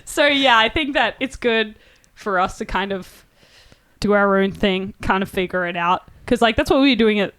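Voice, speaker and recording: A woman's voice: medium pitch, normal speed, a bit bright, clear, resonant tone, no echo. Young woman, casual band interview, rambling delivery, dry recording. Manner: rambling, laughs often, many fillers. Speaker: band member. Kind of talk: casual chat.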